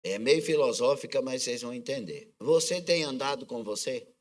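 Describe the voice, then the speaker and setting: A man's voice: medium pitch, normal speed. A man with a Brazilian accent preaching a sermon as pastor, often asking the congregation questions and calling for their responses. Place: church service.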